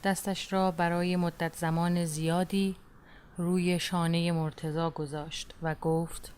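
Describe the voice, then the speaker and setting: A woman narrating a literary story in a measured, recited way. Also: on the low side, little pitch movement, darkish tone, clear, resonant tone.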